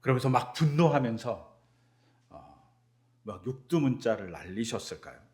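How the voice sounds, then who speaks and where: A man's voice: mid-range voice, big pitch swings, normal speed, a little mellow. A man preaching a sermon as pastor, asking rhetorical questions and acting out quoted speech.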